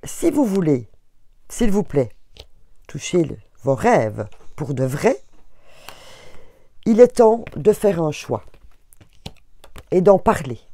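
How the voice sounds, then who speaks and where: A woman with a Belgian French accent chats through a tarot reading for her viewers, with frequent fillers and restarts. Her voice sits low and warm, and the recording is close and dry, with no room sound. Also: dry recording. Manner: chatty, addresses viewers directly, many fillers and restarts. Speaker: tarot reader. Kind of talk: casual astrology card reading to viewers.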